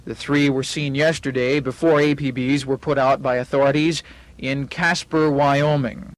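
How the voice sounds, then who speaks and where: A man's voice: medium pitch, steady tone, normal speed, no echo, poor audio. A male TV reporter heard in an old 1970s newsreel, giving a formal broadcast report. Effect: old newsreel audio. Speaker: TV news reporter.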